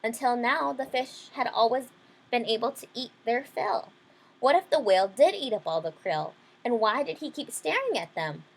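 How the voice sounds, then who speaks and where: A woman's voice: fairly high pitch, lively intonation, moderate pace, rough recording. A woman reading a children's storybook aloud, adding simple explanations for young listeners. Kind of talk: children's picture-book reading with simple asides.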